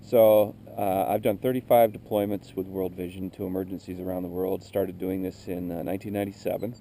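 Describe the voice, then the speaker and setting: Weary gravelly man talking to camera roadside. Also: low voice, little pitch movement, a little fast, mellow, a little hiss or hum. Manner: candid, weary, circling back to correct himself. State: emotionally worn out. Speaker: vlogger on a motorcycle trip. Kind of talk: rambling roadside monologue to camera. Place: outdoors on a rural roadside. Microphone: camera mic.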